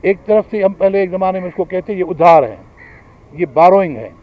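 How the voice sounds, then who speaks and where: High-voiced man giving an earnest lecture. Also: fairly quick, low-quality recording. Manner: earnest, argumentative, steady lecturing. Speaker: guest speaker. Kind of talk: public lecture.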